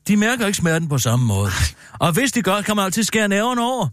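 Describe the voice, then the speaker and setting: Guy doing a bossy horse-obsessed lady, high and all over the place, dry close sound. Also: sing-song, a bit bright, no echo. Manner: bossy, lecturing, swooping pitch. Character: pompous know-it-all horsey middle-aged woman. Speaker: co-host. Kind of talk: improvised comedy podcast banter.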